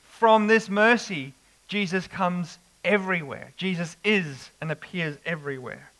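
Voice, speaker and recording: A man preaching an expository sermon, slow and emphatic with dramatic pauses. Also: high-pitched, fairly bright tone, low-quality recording.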